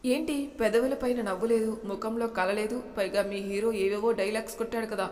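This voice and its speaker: A woman's voice: a little high, steady tone, a little fast, a little mellow, in a large hall, natural voice. A woman voicing a scheming, arrogant young groom who mocks and taunts in a storybook drama. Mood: taunting. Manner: taunting, mocking.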